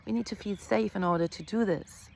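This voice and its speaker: A woman healer giving an earnest, reflective spiritual talk, repeating phrases and pausing softly. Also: medium pitch, vocal fry, a little hiss or hum. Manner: slow, earnest, with soft pauses and repetitions.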